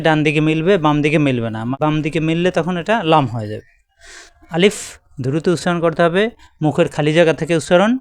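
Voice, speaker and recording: A man with a Bangladeshi Bengali accent teaching a patient, step-by-step Quran reading lesson, repeating letters slowly. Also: on the high side, no room sound.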